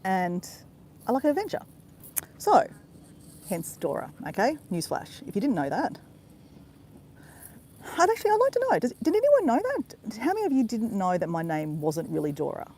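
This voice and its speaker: A woman's voice: mid-range voice, huge pitch swings, normal speed, long pauses, a little mellow, a little hiss or hum. Chatty Australian woman vlogging outdoors. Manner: chatty, addresses viewers as guys constantly. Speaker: travel vlogger. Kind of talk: casual live-stream chat. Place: outdoors in a park by a river.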